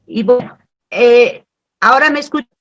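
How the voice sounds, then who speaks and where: A woman's voice: on the high side, normal speed, a bit bright, dull audio. A woman lecturing on a video call whose audio keeps breaking up, talking hesitantly with many fillers. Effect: choppy, breaking-up video call audio. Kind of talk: online class lecture.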